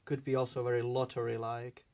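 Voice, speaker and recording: A man from Finland argues his side in a casual debate, pausing and restarting as he searches for words. His delivery stays flat and even in pitch. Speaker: debate guest opposing conscription.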